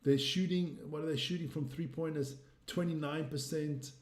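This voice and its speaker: Here a livestream host with a South African English accent talks casually, drifting through sports stats and reading out what viewers have commented. His fairly high voice keeps a fairly even intonation at a normal pace, and the sound is reverberant.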